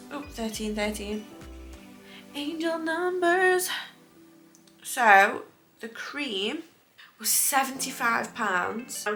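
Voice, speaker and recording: A woman's voice: fairly high pitch, fairly bright tone. A British woman chatting casually to camera as a beauty vlogger, rambling and correcting herself, her speech slightly impeded after dental work. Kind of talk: casual makeup review chat to camera.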